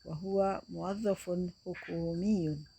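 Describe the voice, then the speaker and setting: A woman's voice: on the low side, steady tone, slow, vocal fry, dark tone, exaggerated voice. A woman teacher voicing a schoolboy answering questions about his family, reading a textbook dialogue aloud.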